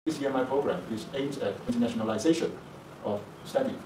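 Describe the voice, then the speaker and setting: A male university lecturer whose first language is Chinese speaks fast in a medium-pitched voice, explaining things in an interview for a program promo and using frequent "uh" fillers. The recording has an echoey room, a distant mic, and background noise.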